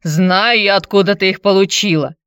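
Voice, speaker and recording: A woman's voice: medium pitch, moderate pace, fairly bright tone, clear, resonant tone, no echo, clean studio sound, voice pushed up, close to an everyday voice. A woman voicing a broke, hard-drinking man who talks in a grumbling, wheedling, pushy way.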